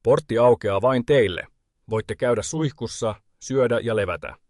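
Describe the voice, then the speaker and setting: A man voicing an unshakable widowed grandmother who speaks calmly and coldly. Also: medium pitch, no room sound, clean studio sound, close to an everyday voice. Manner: calm, clipped, cold. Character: cold, unshakable widowed grandmother, older woman.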